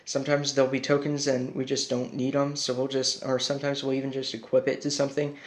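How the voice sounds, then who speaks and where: A man speaks in a medium-pitched voice that stays quite flat. His S sounds carry a noticeable whistle. He explains a card game deck informally, a little hesitant and self-conscious, like a casual hobby presenter. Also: quick pace.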